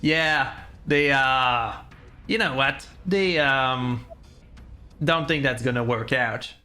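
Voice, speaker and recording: A man improvising as game master of a tabletop roleplaying game, haltingly and repeating words as he goes. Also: medium pitch, bright, forceful tone, faint music behind.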